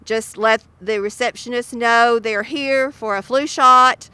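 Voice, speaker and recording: A woman's voice: a little high, steady tone, a little slow, pushed and bright, clear, resonant tone. A woman giving informative interview answers as a health spokesperson, talking through a face mask. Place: outdoors near road traffic. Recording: outdoors by passing traffic.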